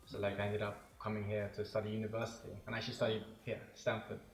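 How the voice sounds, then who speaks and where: Young English man, low voice, fast filler-heavy talk. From England. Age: young adult. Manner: relaxed, rambling, many fillers. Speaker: guest. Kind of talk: casual interview chat. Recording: echoey room, voice from far off.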